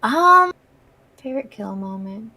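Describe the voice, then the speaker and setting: A woman's voice: on the high side, sing-song, a little slow, bright, forceful tone, dry recording. A young woman guest in a casual chat, hesitant and full of ums, laughing easily.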